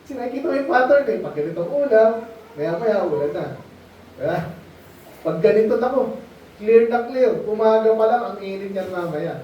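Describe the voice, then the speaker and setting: High-voiced man preaching to children. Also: lively intonation, normal speed, a little hiss or hum. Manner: conversational, asks the children questions. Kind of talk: Bible lesson sermon in Tagalog. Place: mission meeting space. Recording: muffled, echoey room, distant mic.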